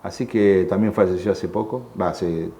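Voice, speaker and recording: A man in his sixties with an Argentine accent gives halting personal testimony, often repeating words and acting out the voices of people he quotes. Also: sits low, steady tone, mellow. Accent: Argentine Spanish. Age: 60s. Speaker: war veteran interviewee. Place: museum room. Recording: echoey room with faint background hum.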